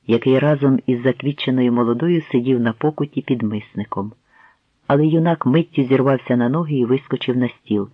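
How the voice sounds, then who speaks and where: Man, audiobook narration, measured, dry, phone-like sound. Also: mid-range voice, no room sound. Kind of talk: scripted narration.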